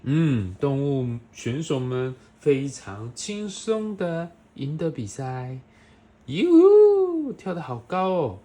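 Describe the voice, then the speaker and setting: Low-pitched woman reading animatedly to a toddler. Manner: reading to a toddler, expressive, with questions and sound effects. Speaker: storyteller reading a picture book to a young child. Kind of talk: animated read-aloud to a toddler.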